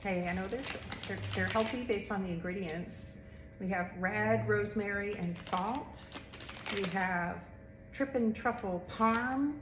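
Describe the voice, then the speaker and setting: A woman's voice: mid-range voice, steady tone, unhurried. A woman hosting a casual taste-test chat, crunching and chewing snacks as she talks. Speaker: snack review host. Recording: roomy echo, clear background noise with clicks.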